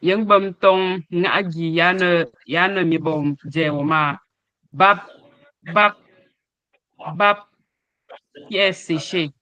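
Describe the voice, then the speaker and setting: A man teaching an online language lesson, explaining tones slowly with repeated examples and hesitations over a video call. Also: a little high, steady tone, sharp tone, no echo, lo-fi sound. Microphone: computer mic on a video call.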